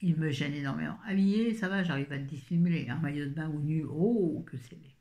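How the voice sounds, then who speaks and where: A woman's voice: deep voice, quick pace, warm tone. A woman in her fifties chatting casually through a grocery haul, rambling with self-mocking asides. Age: 50s. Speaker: vlogger.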